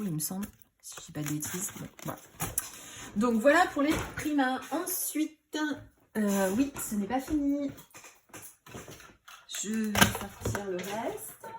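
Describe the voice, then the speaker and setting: A woman's voice: mid-range voice, background noise. Chatty woman showing her paint palettes. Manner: chatty, rambling, many fillers and self-corrections; trails off into quiet asides. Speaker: craft YouTuber. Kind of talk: casual show-and-tell.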